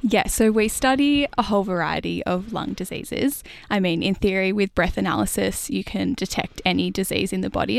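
A young woman researcher gives explanatory interview answers in plain, informal words. Her voice is mid-pitched with noticeable creak. The sound is very dry. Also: no echo. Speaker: PhD researcher, interview guest.

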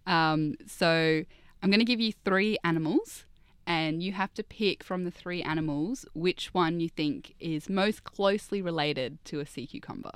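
Young female science guest, clean smooth voice, slightly low, chatty and keen explainer. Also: measured pace, no room sound. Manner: informal, enthusiastic. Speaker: guest researcher, PhD candidate. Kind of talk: casual interview chat, explaining.

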